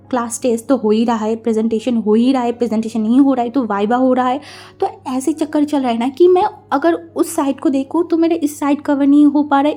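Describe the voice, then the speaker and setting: Young woman, storytelling channel host, chatty fan-fiction reader, apologetic asides, higher pitched, soft mellow tone. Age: young adult. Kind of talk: casual fan-fiction reading.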